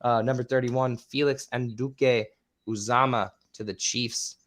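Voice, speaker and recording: A man hosting a casual podcast, rattling off a list with filler ums and casual swearing, his voice a bit squeaky. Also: steady tone, a little slow, fairly bright tone. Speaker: podcast host.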